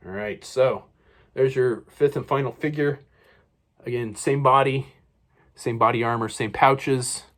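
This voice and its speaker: A man's voice: medium pitch, steady tone, unhurried, fairly bright tone. A man casually reviewing action figures while he unboxes them, rambling along with many fillers and self-corrections. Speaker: toy reviewer.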